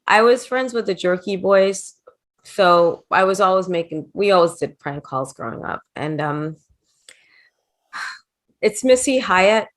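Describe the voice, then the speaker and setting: A woman's voice: mid-range voice, animated, unhurried, long pauses, a bit bright. A middle-aged woman guest in a casual interview, telling chatty anecdotes and slipping into quoted voices. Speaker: interview guest, former wrestling manager.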